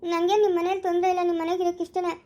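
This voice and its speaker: An upset young bride, played by a woman, complains in a very high voice with a Chikkaballapura Kannada accent. She talks fast and keeps pressing her point in a family home drama skit. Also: flat delivery, warm tone. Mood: complaining.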